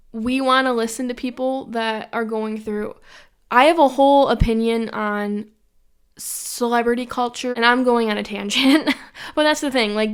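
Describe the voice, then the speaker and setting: Speaking in a slightly high, clean-toned voice, this podcast host, a young woman from Western New York, delivers a casual, opinionated monologue that rambles and leans on the same filler phrases again and again.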